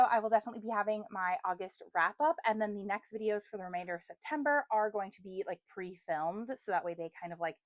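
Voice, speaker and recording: A woman's voice: lowish voice, no echo. A young woman vlogging about books in a chatty, rambling way, full of fillers, recorded on a phone. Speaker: book vlogger. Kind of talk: casual chat.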